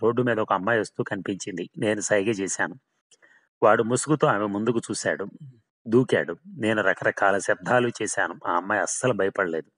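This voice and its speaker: A man's voice: fairly low pitch, a little fast, fairly bright tone. A man voicing the ghost of a hard-drinking male laborer who keeps swearing his tale is true, in a storybook reading. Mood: recounting.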